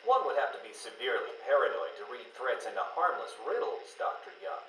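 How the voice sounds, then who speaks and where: An arrogant, mocking riddle-loving villain for a video game. His mid-pitched delivery swings widely, theatrical and precise. The room echoes slightly. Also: big pitch swings, sharp tone, slight background noise. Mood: smug. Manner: theatrical, smug, precise, drawn-out emphasis.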